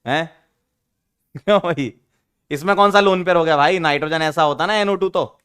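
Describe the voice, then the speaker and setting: A man teaching an online chemistry lesson, teasing his students and repeating key rules slowly for emphasis. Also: a little high, fairly bright tone, clear, resonant tone. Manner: teasing, addresses students as beta.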